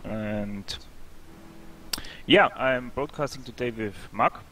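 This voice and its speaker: A man from Austria, speaking, co-commentating a sim race in an unhurried, hesitant way full of ums. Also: medium pitch, fairly bright tone.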